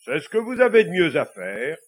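A man voicing a stern, suspicious old pope giving measured advice in a storybook reading. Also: a little high, wildly swooping pitch, breathy edge, exaggerated voice. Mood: advising.

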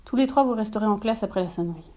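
A woman's voice: mid-range voice, very fast, warm tone, close to an everyday voice. A woman voicing a weary but kind female schoolteacher who speaks plainly and firmly. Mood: stern.

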